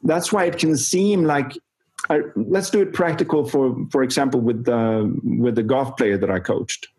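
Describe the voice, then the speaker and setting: A man with a husky, breathy edge to his voice tells a coaching anecdote in a conversational interview. He pitches his voice in a middling register and animatedly plays out both sides of a phone conversation, chuckling often between lines. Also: normal speed. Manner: animated storyteller acting out quoted dialogue, chuckling often. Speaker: performance coach.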